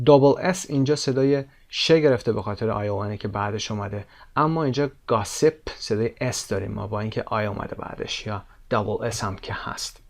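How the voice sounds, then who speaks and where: A man teaching English to Persian speakers, saying each word slowly and with emphasis, then explaining it quickly. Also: fairly low pitch. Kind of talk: language lesson explaining vocabulary and pronunciation.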